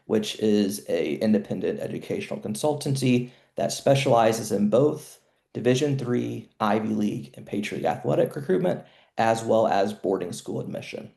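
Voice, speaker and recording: Guy hosting a webinar on a video call, gravelly mellow voice, kinda echoey room. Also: lowish voice, lively intonation. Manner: measured, explanatory, some restarts. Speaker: webinar host and educational consultant. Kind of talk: moderating a webinar panel.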